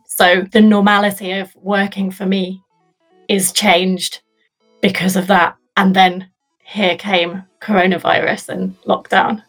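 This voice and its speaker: A woman in her thirties from the UK talks easily as a podcast guest, at a middling pitch. She is chatty and quick to poke fun at herself. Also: a bit bright, rough recording. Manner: chatty, self-deprecating. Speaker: guest, PR professional. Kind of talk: podcast panel talk.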